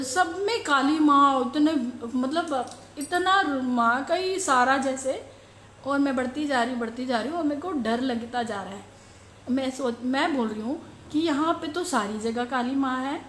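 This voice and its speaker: A middle-aged woman telling the congregation about a devotional dream, slow and halting as she searches for words. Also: high-pitched, fairly bright tone, slight background noise. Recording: roomy echo.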